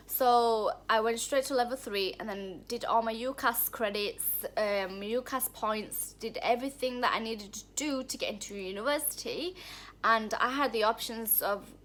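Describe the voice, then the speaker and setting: This personal story vlog features a woman from Thailand, a native Thai speaker, talking to the camera at home. She recounts her experiences in an open, heartfelt way, wandering and starting sentences over. Her voice is on the high side and fairly bright, at a moderate pace, with a little hiss or hum.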